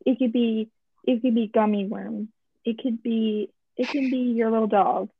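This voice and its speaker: A woman's voice: on the high side, steady tone, moderate pace, slightly rough, no echo. A woman, a podcast guest, chatting casually in a rambling, earnest way. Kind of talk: casual chat. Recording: tinny phone-like line.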